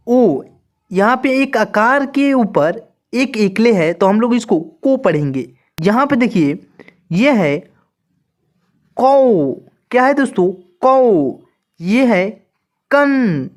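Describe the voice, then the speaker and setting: A woman's voice: a little high, darkish tone. A woman teaching an online lesson, who repeats each point and keeps asking her viewers questions. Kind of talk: slow classroom-style lesson.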